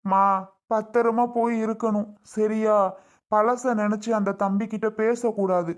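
A woman voicing an older father who gently advises his daughter as she leaves home. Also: medium pitch, steady tone, unhurried, natural voice. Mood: tearful. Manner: tearful, pleading, gentle advice. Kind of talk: family skit acting.

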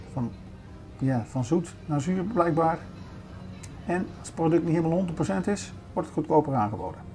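An older man vlogs a casual walk through a large supermarket, chatting away and pointing things out as he goes. His voice is medium-pitched with a darkish tone.

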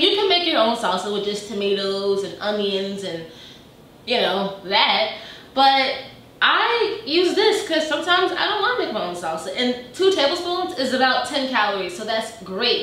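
Showing off her food items in a home kitchen, a young fitness vlogger talks in a chatty, upbeat way, peppered with fillers such as "like" and "you know". Her voice is a little high with a sharp tone. Recorded on a camera mic a few meters off, she sounds somewhat distant in the echoey room, and there is a little hiss or hum.

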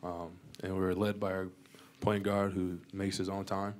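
Seated before a sponsor backdrop with a table mic in front of him, a young man who plays college basketball handles postgame press questions. His delivery is low-pitched, flat, and moderately paced, yet his manner is confident and playful as he speaks in long stretches, with slight hiss or hum on the recording.

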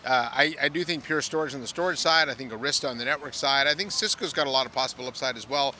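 Brief: middle-aged man, mid-pitched, measured explainer, handheld mic, outdoor plaza. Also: pushed and bright, slight background noise. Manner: measured, explanatory, some filler "uh"s. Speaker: industry analyst guest. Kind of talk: on-site analysis chat.

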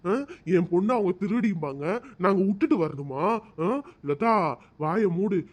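Man doing a cartoon village father, high voice, loud, scolding, defiant. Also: animated, measured pace. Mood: angry. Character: angry protective village father, middle-aged. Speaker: father of the bride.

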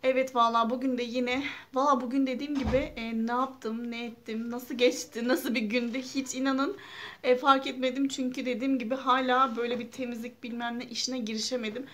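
A vlogger in her thirties chats casually and homely to her viewers in a home vlog, moving from the kitchen to the living room and using plenty of fillers. Her voice is fairly high, level, a bit bright, and fairly quick.

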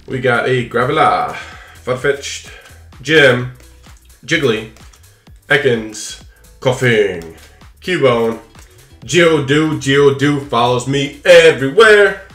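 A young adult man with a medium-pitched, slightly bright voice hosts a card-opening video from a small room at home, bantering playfully with viewers and his pet. His intonation is lively, though he takes it slowly and pauses often. Faint music sits behind him, and the room is reverberant.

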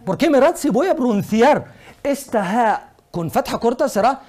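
Lively, patient woman teaching a lesson. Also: on the high side. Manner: patient, drills words slowly and asks questions. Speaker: Arabic teacher. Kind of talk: one-on-one language lesson.

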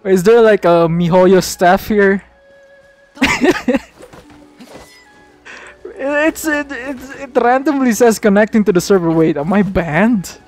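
A man streaming a game, chatting casually and excitably, swearing freely as he talks to his viewers. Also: high-pitched, slow, long pauses, faint music behind. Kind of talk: casual live-stream chat.

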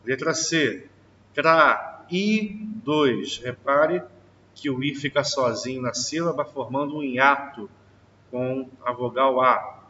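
Slow-talking male teacher. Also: mid-range voice, steady tone, sharp tone, a little hiss or hum. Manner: slow, drawn-out stress on key words. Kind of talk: exam question walkthrough. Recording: distant, dull mic in reverberant room.

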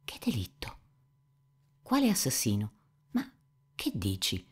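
A woman voicing a gentle, shaken young male novice who speaks in a hushed, hesitant half-whisper, in an audiobook. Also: a bass voice, wildly swooping pitch, a little slow, husky, heavily acted. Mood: alarmed. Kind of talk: audiobook character reading.

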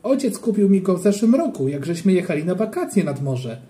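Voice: medium pitch, sing-song, a little fast, mellow, lightly acted. A reader voicing a proud, eager schoolboy who shows off a rubber toy horse in an audiobook. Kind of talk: audiobook character voice.

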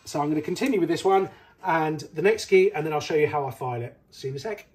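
A middle-aged man from Britain, a ski technician, talking through a hands-on repair in a small workshop in a practical, relaxed way with some fillers. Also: a little high, fast talker.

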